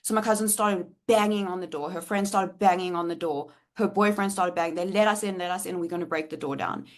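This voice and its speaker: Woman doing a storytime vlog, open and expressive, swears a lot. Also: lowish voice, a little fast. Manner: candid and expressive, swearing freely. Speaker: vlogger.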